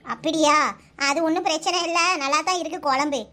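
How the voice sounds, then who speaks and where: A woman voicing an elderly, easygoing village grandmother in a cartoon, speaking with a Kanyakumari accent and gently scolding her daughter. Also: sits high, brisk. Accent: Kanyakumari Tamil. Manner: easygoing, soothing, mild scolding. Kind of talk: cartoon voice acting.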